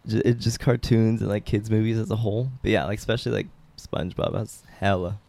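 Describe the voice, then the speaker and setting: A man with a gravelly, creaky voice chats on a podcast in a loose, drawling way. He laughs often and keeps a relaxed, unhurried manner while trading jokes with friends. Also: fairly low pitch. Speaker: podcast co-host. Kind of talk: casual group chat.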